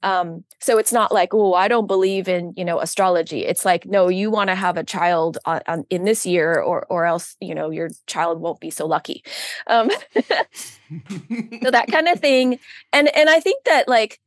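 A woman's voice: fairly low pitch, moderate pace, no echo, studio quality. A woman from the United States, a guest on a podcast, talking casually with many fillers and earnest rambling. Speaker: guest, witchcraft practitioner. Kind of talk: casual interview chat.

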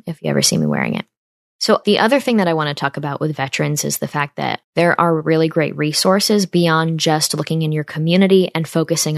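A woman in her twenties from upstate New York hosts a podcast, delivering a casual monologue earnestly and straight to her listeners. Her voice is low-pitched, recorded at studio quality with no echo.

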